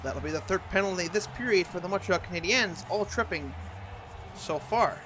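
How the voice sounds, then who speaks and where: A man's voice: sits high, animated, normal speed, music in the background. A man doing an impression of an earnest TV hockey play-by-play announcer, calling a video game in clipped present-tense phrases. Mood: focused.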